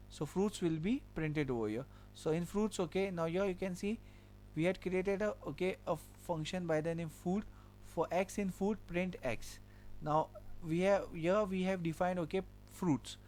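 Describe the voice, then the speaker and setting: There's slight background noise as a man with a high, darkish voice teaches programming in a screen recording. He works through the code step by step, saying "okay" as he repeats each point.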